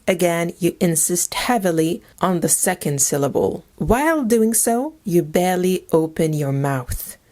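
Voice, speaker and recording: Slow, deliberate woman teaching letters. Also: lowish voice, darkish tone. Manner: slow, deliberate, repeats each letter name. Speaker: language teacher. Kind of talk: scripted instructional narration.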